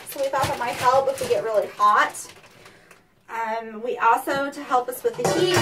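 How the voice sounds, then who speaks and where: A woman's voice: sits high, a bit bright. A woman giving a chatty, practical how-to talk from a small underground tornado shelter, her voice carrying a hollow cave-like echo. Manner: practical, instructive, chatty with fillers. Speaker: safety presenter for a weather company. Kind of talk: casual how-to demonstration. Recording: distant mic, cave echo, faint noise.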